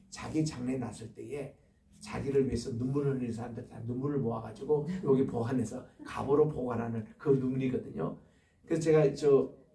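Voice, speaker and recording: An older man preaching a sermon, telling personal stories with swings from hushed to loud. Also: on the high side. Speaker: pastor. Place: church sanctuary. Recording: echoey church room from far off.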